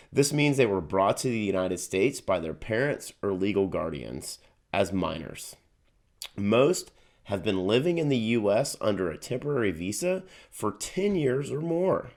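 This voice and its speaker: A man hosting a video, giving an earnest scripted introduction. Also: fairly low pitch. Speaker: host.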